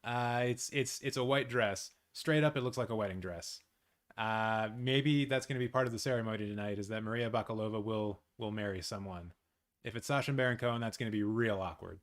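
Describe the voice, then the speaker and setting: A man from Canada hosting a live awards watch-along from his apartment, chatting casually and answering viewer comments with excitable, rambling asides. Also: on the low side, a little fast. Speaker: live-stream host.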